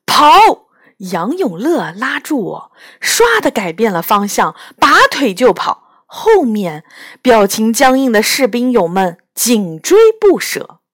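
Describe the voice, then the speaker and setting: A woman reads a children's story aloud in the first person, with an expressive manner. Her voice moves a great deal in pitch and she keeps a slow, careful pace. The sound is close and dry. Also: no room sound.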